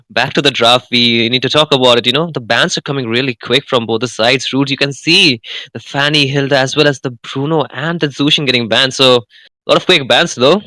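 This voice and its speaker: Male, esports co-caster, bright forceful voice, casual, chatty, dry close sound. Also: medium pitch, dry recording, low-quality recording. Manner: casual, chatty, joking asides. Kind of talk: esports color commentary.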